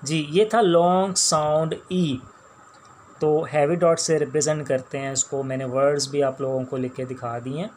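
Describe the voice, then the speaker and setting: A man with a Pakistani accent teaching a shorthand class, explaining each sound slowly and repeating words as he writes them out. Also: a little high, fairly even intonation, darkish tone, a little hiss or hum. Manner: slow, patient, repeats each sound and word. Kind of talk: classroom lecture while writing on a board.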